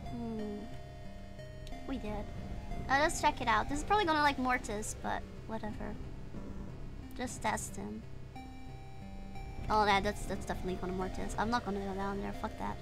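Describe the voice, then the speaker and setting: With game music in the background, this virtual streamer, a young woman whose first language is not English, plays a horror game and talks with her viewers. She speaks in a fairly high, gravelly voice with a non-native English accent, reading chat, shrieking when startled and then giggling.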